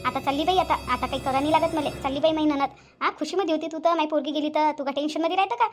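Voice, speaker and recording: A woman's voice: high-pitched, fairly even intonation, rapid-fire, soft background music, close to an everyday voice. A woman voicing a nagging cartoon mother-in-law. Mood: scolding. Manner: nagging, scolding, sarcastic. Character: bossy older mother-in-law, quick to scold and complain. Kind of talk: cartoon voice acting.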